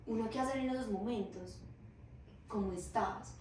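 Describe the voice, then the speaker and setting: A woman's voice: on the high side, normal speed, darkish tone. A woman psychologist, explaining her ideas patiently in a podcast conversation and often checking in with the listener. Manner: explains patiently, acts out quoted reactions, often asks "¿cierto?". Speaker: psychologist guest. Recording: roomy echo, mic at a distance, faint hiss.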